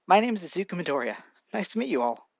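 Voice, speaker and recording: Man reading a shy teen hero, hesitant, gravelly, dull home mic. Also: sits high, very animated, dry recording, full character voice. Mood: shy earnest. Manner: halting, hesitant.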